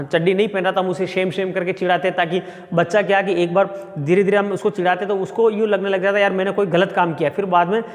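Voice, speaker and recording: A middle-aged male sociology professor giving a classroom lecture and explaining step by step with everyday examples. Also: sits high. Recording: long reverb.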